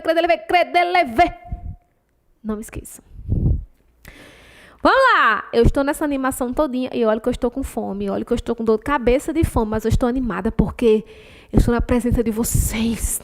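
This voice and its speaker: High-pitched, theatrical teacher woman. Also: fast talker, mellow. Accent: Brazilian Portuguese. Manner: theatrical, teasing and scolding, sings mnemonic chants. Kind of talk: exam review lesson.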